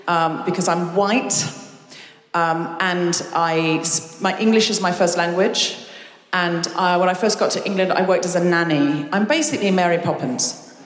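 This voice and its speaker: Speaking into a stage microphone in a big concert hall full of people, an Australian comedy podcast host with a lowish voice does quick, teasing crowd work. The room is spacious, and her voice trails off in long reverb.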